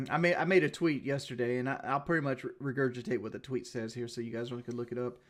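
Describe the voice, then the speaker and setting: On a livestream, a man with a mid-range, steady voice talks briskly to his viewers, rambling bluntly and swearing freely. He often repeats himself and restarts his sentences.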